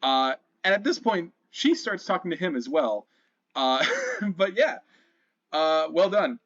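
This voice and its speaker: A man's voice: on the high side, sing-song, a little slow, a bit bright, muffled recording. A man narrating a tabletop role-playing game casually as game master.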